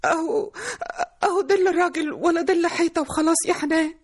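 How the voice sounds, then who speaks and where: A woman's voice: extremely high pitch, fast. Sobbing Egyptian mother. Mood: distraught. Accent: Egyptian Arabic. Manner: sobbing, wailing complaints. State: crying. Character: distraught middle-aged mother, sobbing over her husband. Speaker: distraught mother. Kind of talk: radio drama acting.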